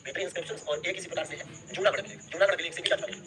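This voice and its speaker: A man's voice: on the high side, steady tone, racing, a crowd in the background. A young man teaching a history class, repeating key terms and checking in with students after every point. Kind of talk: live online class lecture.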